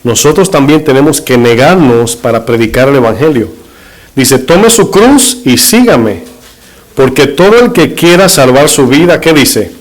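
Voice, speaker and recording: A man's voice: mid-range voice, expressive, measured pace, poor audio. A middle-aged man preaches from the pulpit of a church. He speaks in short emphatic phrases and keeps turning to the congregation with rhetorical questions. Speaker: pastor. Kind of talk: sermon.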